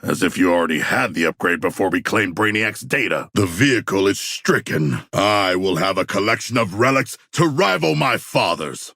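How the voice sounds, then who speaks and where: A man playing a hulking, earnest shark warrior in a video game, speaking in stilted, grandiose, formal phrases with a gravelly, rough voice. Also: on the low side, fairly bright tone, dry recording, clean studio sound, full character voice. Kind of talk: video game character voice lines.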